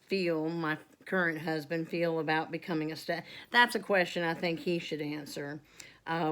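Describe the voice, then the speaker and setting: Talking straight into the lens, this fifty-something North Carolina homesteader has a drawl and a somewhat low, slightly bright voice. She rambles her way through an easygoing question-and-answer session, with plenty of ums and tangents along the way.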